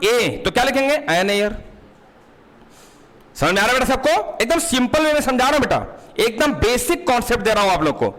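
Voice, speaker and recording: Young male grammar teacher with a Hindi accent, high voice, quizzing students as he explains. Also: a bit bright. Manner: calls students "beta", quizzes them with questions. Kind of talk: exam-prep grammar lesson.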